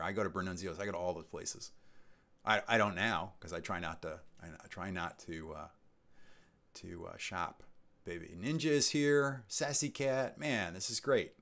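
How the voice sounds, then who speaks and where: Deep-voiced guy in his 50s, rambling through chat questions, lots of ums and restarts. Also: a bit bright. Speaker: livestream host. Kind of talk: casual live-stream chat.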